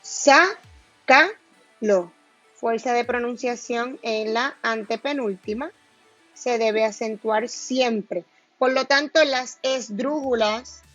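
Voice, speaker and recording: A woman teacher giving a recorded grammar lesson, stressing each syllable slowly and deliberately. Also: on the high side, no echo, highs cut off.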